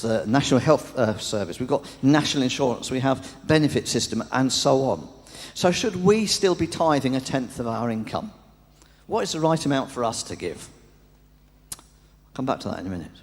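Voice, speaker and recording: Man, preacher, sermon, lively rising and falling voice, rhetorical questions, long church reverb. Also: medium pitch. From England. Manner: conversational, asks rhetorical questions.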